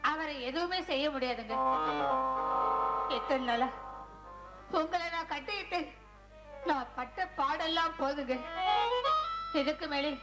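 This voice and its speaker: A woman's voice: high voice, a little slow, long pauses, rough recording. A woman playing a wronged wife who stands up to her cruel husband on a village stage. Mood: defiant. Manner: pleading, indignant. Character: defiant long-suffering young wife. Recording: stage recording with loud music.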